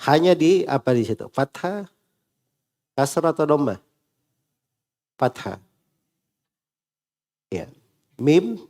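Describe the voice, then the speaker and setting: Mellow-voiced man teaching grammar. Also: medium pitch, gravelly. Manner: questions the class and drills word endings. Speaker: Islamic teacher. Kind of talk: classroom Arabic grammar lesson.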